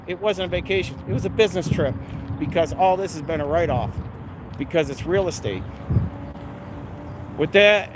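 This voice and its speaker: A middle-aged man talking casually in a rambling vlog, with a blunt, salty, abrasive manner. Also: high-pitched. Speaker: vlogger. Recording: noisy outdoor or vehicle ambience.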